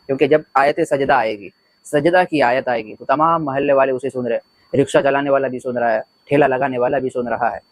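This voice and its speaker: This religious commentator talks to camera in a mid-range voice, a little fast, with no room sound audible. His manner is earnest and sermon-like as he stacks up his arguments in repeated lists.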